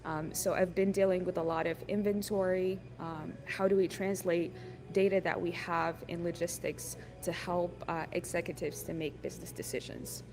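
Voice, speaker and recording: Presenting an online workshop, an Ethiopian woman sounds friendly and encouraging, though her speech is full of ums and uhs. Her voice is fairly low and darkish, with a steady tone and normal pace, over slight background noise.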